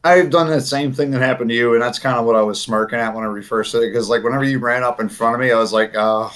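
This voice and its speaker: A man's voice: mid-range voice, quick pace, fairly bright tone. A man chatting casually as a player in a tabletop game, rambling with many fillers and restarts.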